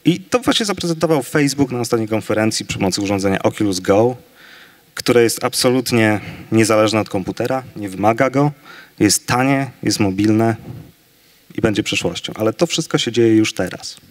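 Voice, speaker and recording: A man's voice: lowish voice, lively intonation. A man on a large conference stage with a handheld mic, confidently laying out his side of a staged debate. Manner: confident, listing facts briskly. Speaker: conference debater on virtual reality.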